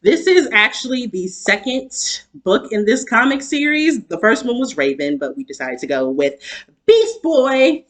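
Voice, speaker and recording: Tipsy, giggly woman with swinging pitch. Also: big pitch swings, moderate pace. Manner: tipsy, loose rambling talk; giggly, breaks often into laughter. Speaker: book club co-host. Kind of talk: casual book review chat.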